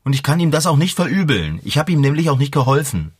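A man's voice: fairly high pitch, very animated, fast, slightly rough, no echo, clean studio sound. A man playing a clumsy, well-meaning bicycle mechanic in a children's radio play, in plain, everyday speech. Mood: dejected.

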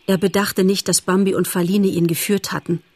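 A woman narrating a children's animal story in a calm, measured audiobook style. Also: mid-range voice.

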